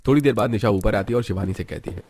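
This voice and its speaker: A man's voice: fairly low pitch, racing, a little mellow. A man narrating a cartoon story in a plain, scripted storytelling style.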